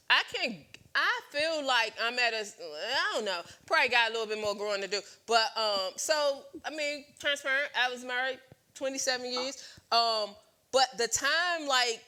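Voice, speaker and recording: A woman's voice: sits high, sharp tone. A woman in her late forties hosting a talk show, sharing candid opinions with many fillers and restarts. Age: 40s. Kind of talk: casual talk show chat.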